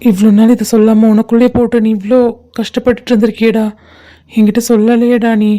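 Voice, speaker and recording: Give me a woman playing a caring young man in a cartoon, slightly high and warm-toned, consoling his best friend. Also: little pitch movement, fast, natural voice. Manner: consoling, affectionately scolding. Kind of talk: cartoon voice acting.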